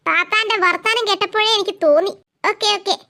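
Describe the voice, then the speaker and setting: A woman's voice: very high-pitched, quick pace, sharp tone, full character voice. A woman voicing a naive, talkative old village woman in a cartoon, who argues in indignant bursts. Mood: chatty, indignant. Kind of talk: cartoon voice acting.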